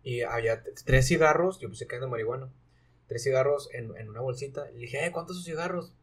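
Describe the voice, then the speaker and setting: A young man with a Mexican accent telling an animated, slang-filled story in casual chat. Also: mid-range voice, fast talker, slightly rough. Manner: slangy, animated, acts out voices in anecdotes.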